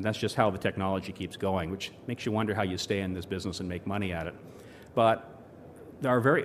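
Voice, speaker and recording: Low-voiced man presenting in a reverberant hall. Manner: rambling, many fillers and restarts, dry asides. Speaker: corporate presenter. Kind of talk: conference presentation. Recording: long hall reverb, faint noise.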